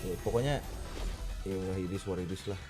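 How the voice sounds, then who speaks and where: A man's voice: low voice, brisk. A man in his twenties talking casually while he plays a game, rambling, swearing and breaking off to react to the match. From Indonesia. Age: 20s. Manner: slangy, swears often, breaks off mid-thought to react to the game. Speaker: streamer. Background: game music.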